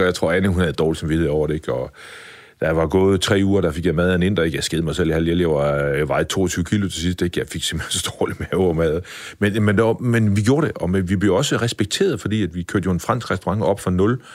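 A man in his fifties, a chef and interview guest, telling stories casually in a lively, blunt way with some mild swearing. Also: low voice, no echo. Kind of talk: casual storytelling in a podcast interview.

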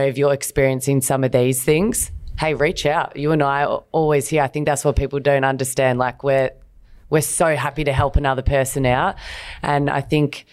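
Smooth, even-toned woman. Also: a bass voice. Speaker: podcast co-host. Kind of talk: casual motivational chat.

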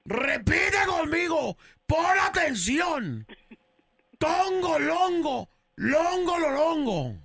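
A man's voice: sits high, animated, moderate pace, fairly bright tone. A man playing a grandiose male faith healer in a comedy radio sketch, calling everyone brother and sister and chanting incantations.

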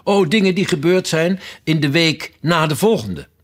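A man reading a storybook aloud and voicing a scatterbrained, fussy queen who talks in a breezy, sing-song way and breaks into shrill cries. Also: huge pitch swings, a little slow, breathy edge, full character voice.

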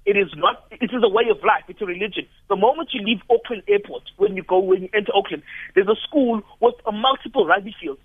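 A man talks through a tinny phone line. He is a radio guest who argues in a measured way and often restarts his phrases. The line sounds dry and close. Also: high-pitched, animated, husky, no room sound. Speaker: studio guest commentator. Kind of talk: radio talk analysis.

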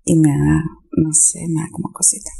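Woman, husky and gravelly, low mellow voice, giggly, playful storytelling. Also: flat delivery, normal speed. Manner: giggly, laughs often while talking. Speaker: storyteller sharing a confession. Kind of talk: playful storytelling with quoted dialogue.

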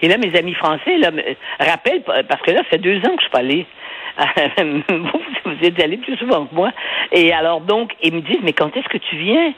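An older woman with a Québécois accent chats on a radio program. She is lively and digressive, laughs often, and restarts her sentences as she goes. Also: fairly low pitch, brisk, husky, low-quality recording. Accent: Québécois French. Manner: animated, rambling, laughs often, restarts and stammers. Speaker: newspaper columnist guest. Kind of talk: radio interview conversation.

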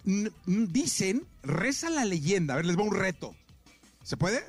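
A man with a Mexican accent hosting live radio in a studio booth, joking in quick slang and laughing often. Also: high voice, very animated, breathy edge, faint music behind. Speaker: radio host.

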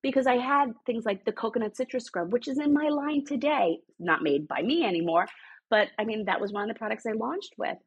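A middle-aged woman, a beauty brand founder, telling her story in a lively, sassy way in an interview. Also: on the high side, brisk, slightly rough, highs cut off. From United States.

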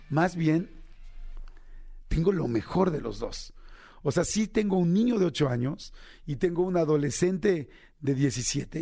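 A man's voice: on the high side, dark tone. A man, a radio host telling a personal story in a chatty way with many fillers. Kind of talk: casual storytelling monologue.

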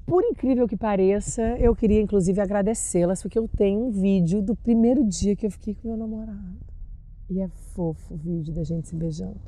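A woman's voice: medium pitch, a little fast. A Brazilian woman in her forties, an actress guest telling casual stories and acting out the people she quotes. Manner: animated, acts out quotes with shrieks. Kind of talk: casual storytelling.

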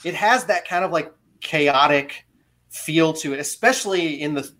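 Wry, deadpan man co-hosting a podcast. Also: fairly high pitch, normal speed. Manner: wry, rambling, deadpan jokes. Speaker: podcast co-host. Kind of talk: casual chat.

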